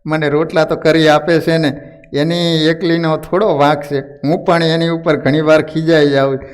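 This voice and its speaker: A man's voice: a little high, level tone, moderate pace, smooth, lightly acted. A man voicing a fed-up village potter who grumbles at his wife and mutters to himself. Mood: grumbling.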